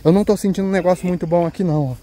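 A man's voice: high voice, fairly even intonation, very fast. A man with a Brazilian Portuguese accent, hosting a paranormal investigation vlog outdoors at night, talking in an anxious, exclamatory way and pointing things out as he goes. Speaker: paranormal investigator, channel host. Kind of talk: live ghost-hunting vlog commentary. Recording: loud crickets and insects behind.

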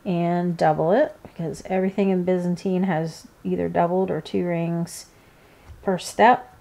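A woman giving informal, hands-on step-by-step craft instruction, pausing between steps. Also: on the low side, fairly even intonation, gravelly, mellow. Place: indoors, seated at a work table.

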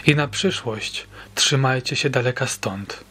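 A man voicing a hostile old woman, a witch-like neighbour who scolds children harshly and shouts at them. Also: medium pitch, a little slow, husky.

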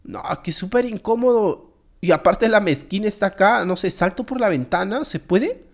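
Excitable man commentating a game. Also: high voice, moderate pace. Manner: jokey, excitable, talks straight to viewers. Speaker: gaming video creator. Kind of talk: casual gameplay commentary.

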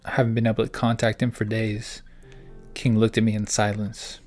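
A man's voice: on the low side, monotone, normal speed, a little mellow, soft background music. A man, the host of a gaming channel, playing through a story game, reading its text aloud and reacting in puzzled asides. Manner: reads dialogue aloud in a plain voice between puzzled asides.

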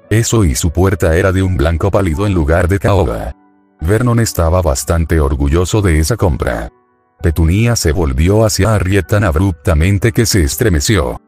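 A man reading a fan fiction story aloud as its narrator, in a steady, even manner of scripted narration. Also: low voice.

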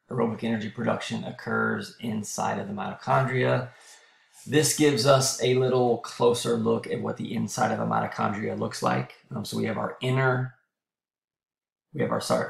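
A man lecturing to students with a very gravelly, creaky voice that is starting to go. He clears his throat often and keeps checking in with "okay?". The recording sounds roomy and echoey. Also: medium pitch, normal speed. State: losing his voice. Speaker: college lecturer.

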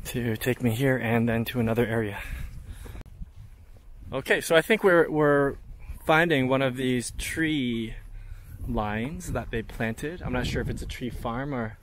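Medium in pitch and measured in pace, this travel vlogger talks informally and thinks aloud, tossing out guesses and the odd swear word. He's on location, both outdoors and aboard a train, with noisy handheld outdoor and travel sound behind him.

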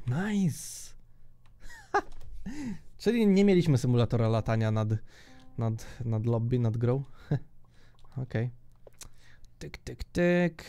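Young male gaming commentator, joking and excitable, yells at other players, middle pitch with big jumps, unhurried between bursts. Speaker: gaming YouTuber. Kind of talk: Minecraft minigame commentary.

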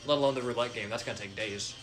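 A man in casual gaming chat, easygoing and quick to laugh. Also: medium pitch. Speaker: co-host. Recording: faint music behind.

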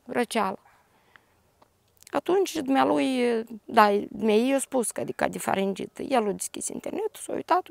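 An older woman with a Moldovan Romanian accent, a grieving grandmother giving a halting, detailed personal testimony. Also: on the high side, gravelly, darkish tone, no echo. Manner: halting, detailed retelling with restarts.

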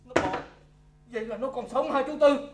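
An actor playing a bumbling, pleading drunkard husband in a stage comedy sketch. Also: male voice, extremely high pitch, moderate pace, roomy sound, over music. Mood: anxious. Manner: wailing, pleading, excitable. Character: bumbling drunkard husband, middle-aged man.

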